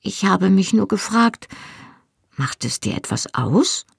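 Brief: reader doing a small freckled boy, curious and unsure, raised pitch, husky gravel. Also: very animated, slow pace, no echo, clean studio sound, full character voice. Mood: hesitant. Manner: hesitant, questioning.

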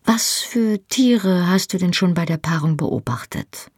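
A narrator raises the voice for a wry, curious young woman in an audiobook. She asks her questions with amused teasing, her voice high and animated, with a breathy edge. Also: unhurried, no room sound, studio quality. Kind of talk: audiobook character voice.

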